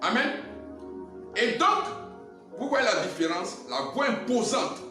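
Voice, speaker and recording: A man preaching a sermon and telling a personal testimony, swinging between loud and hushed delivery. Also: extremely high pitch, very animated, slow pace. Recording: echoey hall, voice from far off, music behind.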